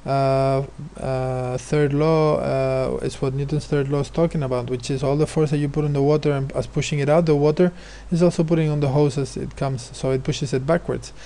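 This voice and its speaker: A man's voice: mid-range voice, level tone, moderate pace, vocal fry, hardly any pauses, dark tone. A male teacher explaining physics exam questions, hesitant, with many fillers and restarts. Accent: non-American, his remark says so.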